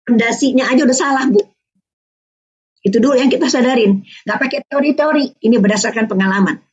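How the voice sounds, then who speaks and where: Casting: high-voiced older woman, lively webinar teacher, dull online audio. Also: fairly quick. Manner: lively, quizzing the audience with tag questions. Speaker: parenting speaker.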